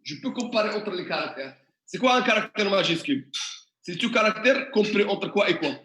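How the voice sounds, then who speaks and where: A man's voice: high voice, expressive, fairly quick, fairly bright tone. A man teaching a classroom tutorial, questioning the class and working through examples step by step. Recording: echoey classroom.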